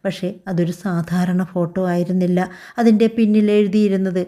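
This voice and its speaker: A woman narrating a scripted family drama story in a calm, even storytelling voice. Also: fairly low pitch, moderate pace. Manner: calm, even storytelling voice that also reads all the characters' lines.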